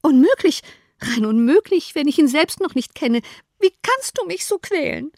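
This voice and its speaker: Woman voicing a fretful middle-aged mother, shrill and high-pitched, loud outbursts, dry close sound. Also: normal speed, dry recording. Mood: distressed. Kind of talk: audiobook character voice.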